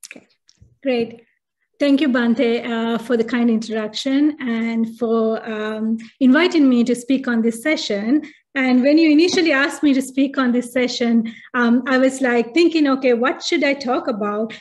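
A woman's voice: a little high, normal speed. A woman in her thirties with a Sri Lankan accent, explaining brain science in an online lecture, with many fillers and restarts. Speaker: neurologist giving a talk. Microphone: video call.

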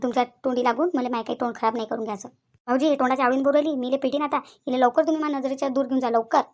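Quarrelsome middle-aged village women , all voiced by one woman, trade shrill accusations in a cartoon squabble. The voice sits high and races along at a breakneck pace. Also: steady tone, rapid-fire, a little mellow, natural voice. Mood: quarrelling. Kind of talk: cartoon voice acting.

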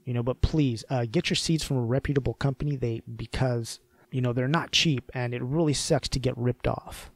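A man hosting a podcast, talking casually with fillers and repeated words, a little hoarse. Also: mid-range voice, steady tone, brisk, no room sound. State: losing his voice. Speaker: podcast host.

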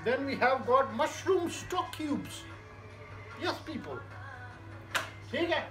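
A man's voice: very high-pitched, expressive, measured pace, a bit bright, faint music behind. Echoey Punjabi-accented man chatting in his kitchen. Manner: rambling, jokey, mixing languages. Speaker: home cook vlogger. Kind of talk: casual chatty cooking vlog. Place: small home kitchen, indoors. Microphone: camera at about arm's length to a metre.

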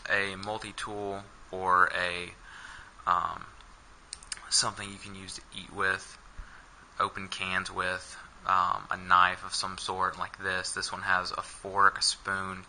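Wearing a head-mounted camera in a small indoor room, a young man casually walks through his camping gear, hesitating with lots of ums and uhs. His low voice stays level and slow, with a pushed, bright quality. The low-quality recording carries slight background noise.

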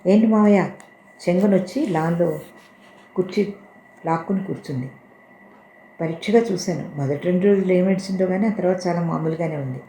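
Calm woman reading a story, mellow and low. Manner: calm, measured, reflective. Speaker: story reader. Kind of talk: storytelling narration. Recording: roomy echo with faint noise.

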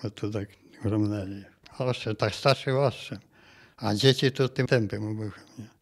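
This survivor of the massacre, a Volhynian man in his eighties, gives interview testimony about what he lived through. He speaks haltingly and plainly, tacking a quick "nie?" onto many phrases, in a lowish, steady voice with a breathy edge.

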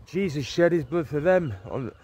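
A man's voice: on the high side, normal speed, darkish tone, breathy edge. A man in his forties preaching while he walks outdoors, talking earnestly into a phone at arm's length, rambling with restarts. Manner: earnest, rambling, with many restarts and "you know". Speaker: street preacher. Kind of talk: walk-and-talk preaching vlog. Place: outdoors on a leafy town street and park. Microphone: phone camera held at arm's length. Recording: faint street noise and passing cars.

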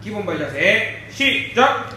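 A man's voice: high-pitched, very animated, takes it slowly, sharp tone. A man working as a taekwondo instructor, calling out formal commands and counts in a clipped, commanding way. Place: indoor taekwondo training hall. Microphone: distant camera microphone. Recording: echoey hall from far off, faint noise.

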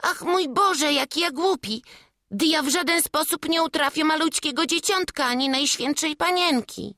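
Lady doing a squeaky earnest little apprentice boy, humble, old-timey country talk. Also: moderate pace, bright, forceful tone, no room sound, clean studio sound. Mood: flustered. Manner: earnest, rustic old-fashioned speech. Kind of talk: audiobook character voice.

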